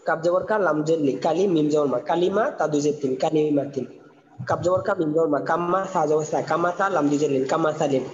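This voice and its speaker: Man teacher spelling out syllables slowly. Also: fairly high pitch, darkish tone. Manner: slow, syllable-by-syllable spelling drills. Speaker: Quran recitation teacher. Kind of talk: spelling-out tajweed lesson. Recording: dull lo-fi sound with long reverb.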